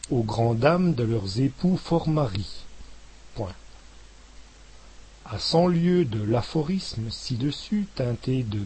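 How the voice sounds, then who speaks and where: A man reading a dictation aloud slowly, articulating each word and saying the punctuation marks in a lower voice. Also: warm tone, slightly rough, low-quality recording. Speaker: dictation reader. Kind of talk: slow dictation with spoken punctuation.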